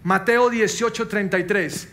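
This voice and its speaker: High-voiced pastor preaching. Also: male voice, measured pace, a bit bright. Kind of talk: sermon.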